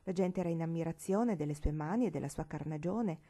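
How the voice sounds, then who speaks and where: A woman's voice: sits low, a little fast, warm tone. A woman voicing a stern, proper old grandmother. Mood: dry.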